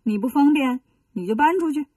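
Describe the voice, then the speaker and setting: A woman's voice: sits high, lively intonation, fairly quick, mellow, no echo, far from the mic. Brash monkey warrior, voiced by a woman. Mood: domineering. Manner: bold and bossy. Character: brash, fearless male monkey warrior disciple.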